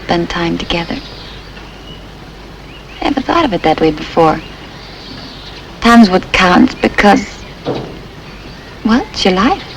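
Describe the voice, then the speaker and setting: An actress playing a spoiled young heiress who has been humbled, earnest and confiding in a film drama. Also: female voice, fairly low pitch, very animated, takes it slowly, creaky, long pauses, a little hiss or hum, exaggerated voice, low-quality recording. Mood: wistful, confiding. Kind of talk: film dialogue acting.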